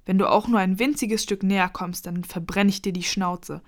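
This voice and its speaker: A woman's voice: mid-range voice, steady tone, moderate pace, close to an everyday voice. A woman voicing a small, brave boy fire dragon who talks boldly and cheekily. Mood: plucky. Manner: bold, cheeky.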